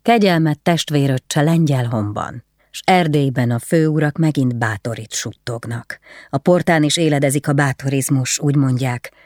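Brief: stern, weary nobleman, read by the narrator, grave and hushed, close dry audiobook sound. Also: medium pitch, dry recording, natural voice. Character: grieving stern nobleman, duty-bound, weary.

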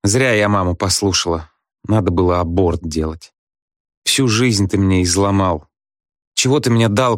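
A man reading a story aloud, voicing a bitter, scornful young wife who scolds her husband in quick reproachful outbursts. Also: lowish voice, dry recording, studio quality, pitched above the performer's own voice, lightly acted.

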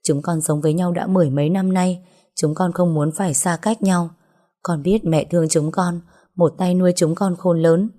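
A woman voicing a gentle young adopted daughter, weeping and pleading. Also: fairly low pitch, steady tone, normal speed, natural voice. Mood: tearful.

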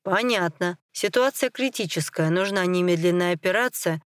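A woman's voice: fairly low pitch, normal speed, clean tone, dry recording, clean studio sound, natural voice. Woman reading as a tired fifty-year-old male doctor. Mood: grave. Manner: formal, matter-of-fact. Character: tired male head doctor in his fifties.

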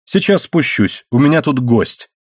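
Guy doing a chill stubborn young man, dry and amused, husky, lively pitch. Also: a little slow, no echo. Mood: wry. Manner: easygoing, dry, laughing off danger.

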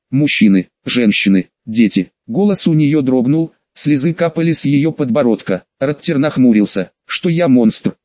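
A man reading a fantasy audiobook aloud in an even, unhurried way, voicing every character alike. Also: a little high, dry recording. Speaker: audiobook narrator. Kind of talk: scripted narration. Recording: dull, dry lo-fi recording.

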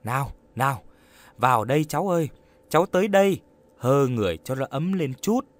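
A caring old grandmother of a remote village, as a male narrator reads her, fussing and gently scolding with lively rises and falls. Her talk swings in pitch as she coaxes and warns. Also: brisk, no echo, lightly acted. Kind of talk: audiobook character reading.

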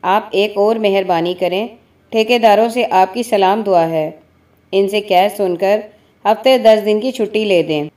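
A fretful, injured laborer man pleads in a low, mellow storybook voice, as a woman narrator puts him on. He sounds whining and put-upon, and his pitch stays in an ordinary middle range. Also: natural voice. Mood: pleading.

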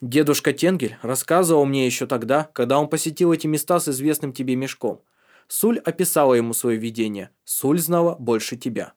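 A man reading an audiobook, voicing a calm, serious young man who speaks persuasively. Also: medium pitch, fairly quick, lightly acted.

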